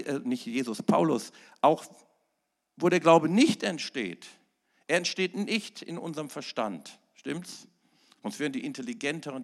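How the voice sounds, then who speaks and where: A middle-aged man delivers a sermon as pastor. His voice sits a little high and carries a gravelly edge. He hammers single words at full force, then drops to near-hushed asides. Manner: emphatic preaching with sudden loud peaks and quiet asides.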